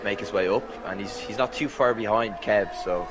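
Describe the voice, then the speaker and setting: A man giving casual race analysis as a motorsport commentator, in a tentative, halting way full of fillers. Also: lowish voice, over music. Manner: tentative, halting delivery with many 'like' fillers. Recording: clearly noisy, engine sound behind the voice. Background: racing car engines from the game.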